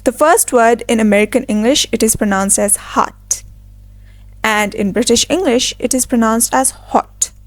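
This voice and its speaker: A woman with a fairly high voice walks through a scripted pronunciation lesson. She slows down to model each example word with careful, deliberate emphasis. The sound is dry and close, with no room around it. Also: no room sound. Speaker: English teacher.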